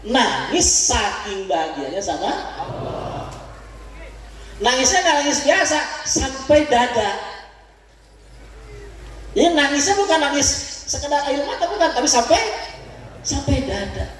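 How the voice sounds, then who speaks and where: A man's voice: extremely high pitch, expressive, measured pace, pauses often, a bit bright, a little hiss or hum. A man preaching with a Sundanese accent, leading the congregation in call-and-response and chuckling between points. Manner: leads the crowd in call-and-response, chuckling often. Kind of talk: religious study sermon to a congregation. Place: large hall at a religious gathering. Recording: echoey hall, voice from far off.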